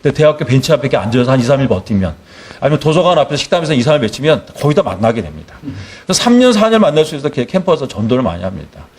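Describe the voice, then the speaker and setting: A man's voice: medium pitch, very fast, husky. A middle-aged male missionary preaching a sermon, telling a personal story and acting out the dialogue. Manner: animated storyteller, acts out dialogue.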